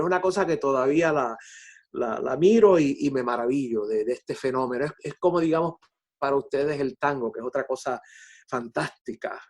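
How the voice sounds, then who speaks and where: An elderly man from Puerto Rico, a composer, speaks haltingly in an interview, circling back over words as he explains his thinking. He has a Puerto Rican Spanish accent and a slightly high voice with a darkish tone.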